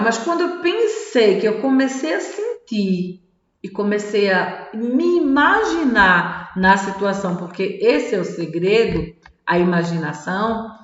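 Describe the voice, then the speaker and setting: A tarot and personal development coach with a medium-pitched voice reads a self-help book aloud and chats about it, frequently tacking "tá?" and "né?" onto her sentences. The room is echoey with long reverb, and the sound is dull and lo-fi.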